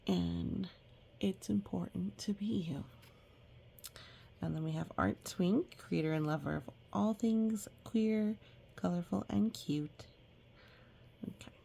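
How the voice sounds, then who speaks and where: A woman reads a picture book aloud, adding chatty asides, reacting expressively, and gently explaining things as though to young children. Her voice is medium-pitched, slow and gravelly, with frequent pauses and slight background noise.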